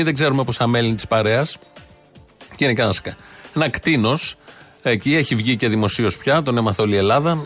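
A man's voice: mid-range voice, a bit bright. A man hosting a commentary show, mocking and ironic as he remarks on news clips. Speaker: radio show host.

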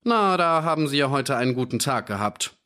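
A man's voice: medium pitch, expressive, a little fast, bright, forceful tone, pitched above the performer's own voice. A man doing a sarcastic desk sergeant. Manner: dry, sarcastic. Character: irritable, ironic desk sergeant.

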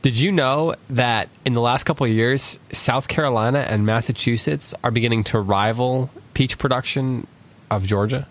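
Laid-back guy hosting a podcast, mid-pitched, rambles and laughs a lot. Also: moderate pace. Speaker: podcast host. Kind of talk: casual chat.

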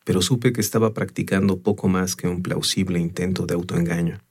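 A man narrating a story in the first person in a measured, unhurried way. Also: low voice, level tone, a little mellow, breathy edge. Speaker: audiobook narrator.

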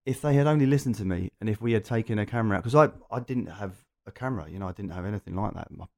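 Man, Essex accent, lowish pitch, casual podcast guest, anecdotal. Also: racing. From Essex, England.

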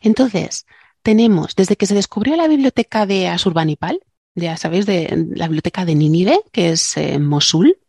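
A woman's voice: fairly low pitch, expressive, moderate pace, a little mellow, breathy edge, no room sound, studio quality. A woman co-hosting a casual science podcast, a linguist who chats, jokes and explains things with digressions. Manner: chatty, joking, explains with digressions.

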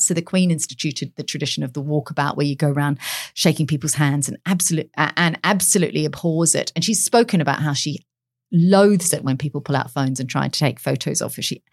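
A woman's voice: low-pitched, gravelly, dry recording, studio quality. A woman chatting as a royal commentator, talking through frequent fillers and restarts. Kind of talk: casual radio chat.

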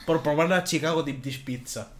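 A man's voice: on the high side, normal speed, a bit bright. A young man from hosts a casual podcast chat, rambling along with loose fillers and restarts. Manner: rambling, peppered with "en plan" and restarts. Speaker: podcast host. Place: in person, same room as guest.

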